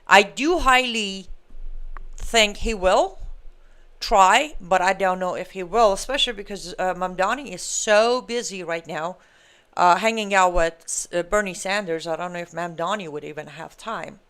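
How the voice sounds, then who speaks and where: Woman host of a live political commentary stream, smooth and emphatic, argues hard and turns sarcastic. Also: mid-range voice, moderate pace, fairly bright tone. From Iran. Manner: emphatic, argumentative, with sarcastic asides.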